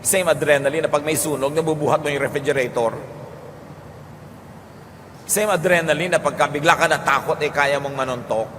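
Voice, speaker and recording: A man with a Filipino accent giving a calm teaching sermon, moving between Tagalog and English. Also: a little high, normal speed, pauses often. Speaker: preacher. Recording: long hall reverb with faint noise.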